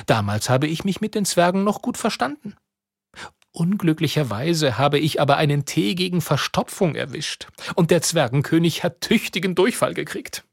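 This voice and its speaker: A man doing a high, fussy old witch. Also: expressive, normal speed, gravelly, breathy edge, no echo, studio quality, full character voice. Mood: grumbling. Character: old witch woman, grumbling and sly.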